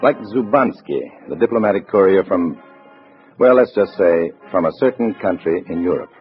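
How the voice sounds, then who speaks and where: Here a male lead actor and narrator gives an expressive, low-voiced performance in a 1950s radio drama, voicing a wary undercover agent pretending to be a loyal party comrade. He has an American accent and a clipped, measured, hard-boiled style, and the mood is grim and tense. The old radio recording sounds muffled and includes music.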